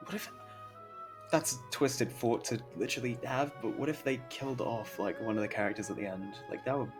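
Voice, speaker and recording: A young man with a mid-range voice speaks a little fast in a steady tone, rambling and joking in slangy, casual commentary on a live game stream. He reads aloud and reacts as game music plays in the background.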